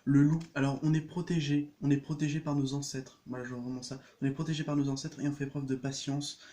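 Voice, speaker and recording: A man doing a card reading, hesitant with many fillers and restarts, giving gentle, reassuring spiritual advice. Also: medium pitch, little pitch movement, fairly quick. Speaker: tarot card reader. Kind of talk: casual card-reading video.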